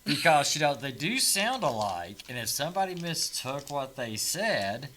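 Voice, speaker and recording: A man's voice: a little high, big pitch swings, normal speed, sharp tone, a little hiss or hum, poor audio. A man co-hosting a podcast in casual chat, laid-back and joking, often restarting his sentences. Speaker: podcast co-host.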